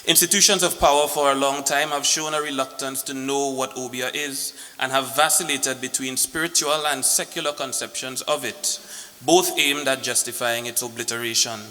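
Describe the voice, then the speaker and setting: Bright, forceful man lecturing at a podium. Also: mid-range voice, fairly even intonation, normal speed, hardly any pauses. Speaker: guest lecturer. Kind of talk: formal podium speech, lecture. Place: large echoing room at a book launch. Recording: echoey hall, noisy hiss.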